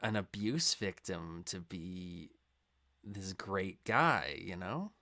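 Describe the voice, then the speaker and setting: Low-voiced young man ranting in commentary. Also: expressive, slow. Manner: rambling, filler-heavy, swings into loud impassioned rants. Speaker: reaction channel host. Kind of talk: casual reaction commentary.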